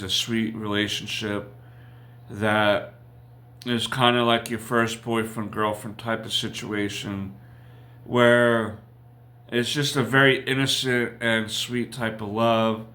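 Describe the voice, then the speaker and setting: With a lowish, pushed, bright voice and a flat delivery, this TV review host recaps an episode in a relaxed, slow ramble, often correcting himself and leaning on fillers.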